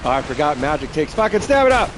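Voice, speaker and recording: An exasperated male gamer rages through casual game commentary with swearing outbursts. His voice leaps around in pitch, over a clearly hissy, noisy recording. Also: big pitch swings, fast. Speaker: gaming video host.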